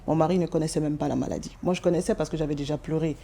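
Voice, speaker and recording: Woman, mellow and thoughtful. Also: sits low, steady tone, rapid-fire, vocal fry. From Côte d'Ivoire. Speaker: guest, mother. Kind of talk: personal testimony.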